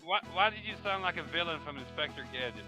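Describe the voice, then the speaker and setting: A man co-hosting a retro gaming podcast, teasing the others with quick interjections. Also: on the high side, expressive, sharp tone, faint music behind, poor audio. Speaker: podcast co-host. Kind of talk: casual group chat while gaming.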